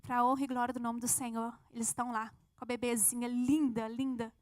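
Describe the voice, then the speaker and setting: A woman's voice: on the high side, level tone, a little fast, darkish tone, no echo, clean studio sound. A woman telling a testimony in church, earnestly acting out her prayers. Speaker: church member giving a testimony. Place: church sanctuary.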